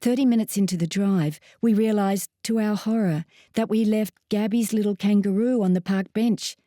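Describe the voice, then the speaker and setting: A woman reading a first-person life story aloud in a measured, steady narration. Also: medium pitch, no room sound, clean studio sound.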